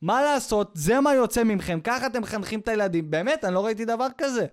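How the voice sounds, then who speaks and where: A man's voice: high voice, expressive, smooth. A man hosting a podcast, delivering a sarcastic, scornful comedic rant. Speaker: podcast host.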